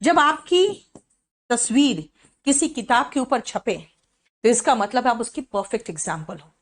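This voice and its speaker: A middle-aged woman teaching an English vocabulary class in chatty Hindi, checking in with her students often and reading English definitions slowly. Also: fairly high pitch, expressive. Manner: explains in chatty Hindi, mixing in English phrases, with frequent "है ना?" check-ins.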